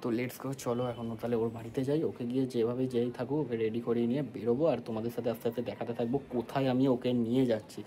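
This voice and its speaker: Young male vlogger, quick casual delivery, mellow tone, faint background noise. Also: medium pitch, flat delivery. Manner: chatty, addresses viewers directly. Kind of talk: casual couple vlog.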